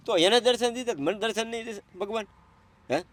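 A middle-aged father in need, interviewed in an emotional conversation, cries and pleads as he describes his hardship, repeatedly addressing the interviewer as sir. His voice is high and his pace slightly fast.

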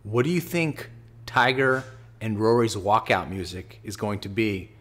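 A man's voice: lowish voice, a little slow, a bit bright. Sarcastic man ranting into a studio mic. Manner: sarcastic, argumentative. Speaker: host. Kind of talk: opinionated commentary vlog. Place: small home office. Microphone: studio mic on boom, close.

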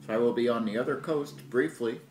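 A man's voice: mid-range voice, brisk, a little mellow, slight background noise. A man vlogging casually, rambling with joking asides and talking while he eats. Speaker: vlogger and storytelling show host. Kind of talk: casual vlog. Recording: echoey room.

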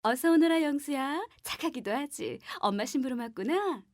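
A woman voicing a friendly, teasing shopkeeper in an animated cartoon, chatty with her young customer. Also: high-pitched, normal speed, no echo, studio quality. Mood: welcoming.

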